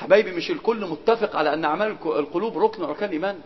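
A man with an Egyptian accent teaching a religious lesson. He quizzes his students and swings between loud and soft speech. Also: high-pitched, very fast. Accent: Egyptian Arabic. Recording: dull, hall with long reverb.

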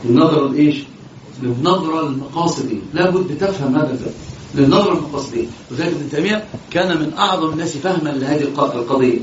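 Egyptian preacher guy talking fast, lively, repeats himself a lot, echoey muffled recording. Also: on the high side, a little hiss or hum. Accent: Egyptian Arabic. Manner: animated, repeats phrases for emphasis, acts out dialogues. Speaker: Islamic preacher. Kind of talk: religious lesson in Egyptian colloquial mixed with classical Arabic.

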